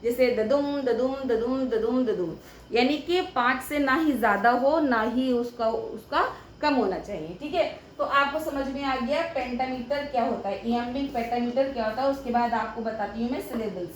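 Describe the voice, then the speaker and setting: A young woman with a high voice teaches a grammar lesson. She breaks each point into small steps and keeps checking that her students follow. The room is echoey, with a faint hiss behind her. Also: moderate pace. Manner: explains step by step, often checks with "ठीक है". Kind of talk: explaining a lesson at a board.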